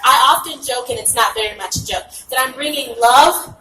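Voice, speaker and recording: A woman's voice: high voice, normal speed, pushed and bright. A woman running for office gives an earnest speech at a rally, out of breath and often saying "um". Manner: earnest, frequent "um" fillers. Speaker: candidate speaking at a rally. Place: outdoor rally stage. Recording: echoey, distant, noisy outdoor recording.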